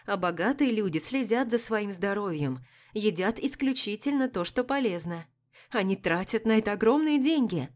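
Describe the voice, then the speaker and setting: A woman reading a novel aloud in the first person, in an even, measured way. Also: mid-range voice. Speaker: audiobook narrator.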